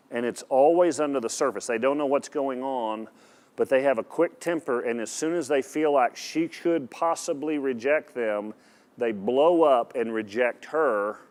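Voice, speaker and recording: Guy preaching a sermon, mid pitch, punchy and direct, keeps asking the crowd stuff. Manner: emphatic, asks the audience questions, repeats words. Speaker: pastor.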